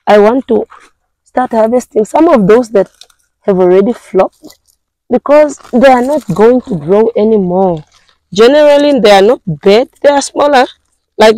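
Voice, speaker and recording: Hoarse woman walking viewers round her backyard garden, lots of ums and restarts, mid-pitched, dry close sound. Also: dark tone, dry recording, rough recording. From Namibia. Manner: chatty, hesitant, with many fillers and restarts. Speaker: gardening vlogger. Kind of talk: casual garden tour talk to viewers.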